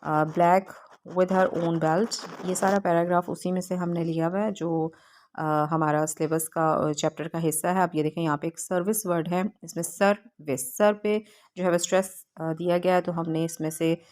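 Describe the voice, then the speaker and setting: Low-voiced woman teaching a textbook lesson. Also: fairly even intonation, darkish tone. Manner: explains step by step, reads English lines slowly, frequent fillers.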